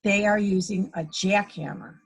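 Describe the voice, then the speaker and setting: Reading a picture book to young kids, a mother who is the guest storybook reader uses a mid-range voice at a slightly slow pace. She keeps her explanations simple and teacherly and has fun acting out the sound effects.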